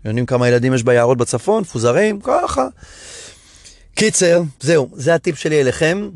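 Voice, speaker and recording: A man's voice: fairly high pitch, dry recording, clean studio sound. A man talking casually as a comedian and host, telling stories about his gigs and acting out the people in them. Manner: animated, chatty, acts out dialogue in quoted voices. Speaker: stand-up comedian and podcast host. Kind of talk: casual storytelling monologue.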